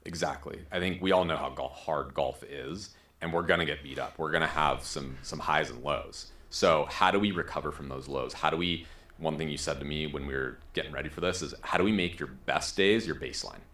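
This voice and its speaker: A man with a deep voice hosts a podcast interview. He speaks in a conversational way. The sound is roomy, with audible echo around his voice. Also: brisk, a bit bright. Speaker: podcast host.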